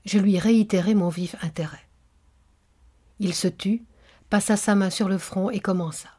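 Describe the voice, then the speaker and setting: A woman narrates a classic novel for an audiobook. Her voice is mellow and warm, and she keeps a measured, even storytelling pace. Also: mid-range voice, breathy edge.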